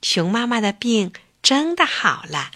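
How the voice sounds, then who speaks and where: Woman reading a kids story, slow and lively, bright voice. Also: a little high. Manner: gentle, expressive. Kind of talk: children's story narration.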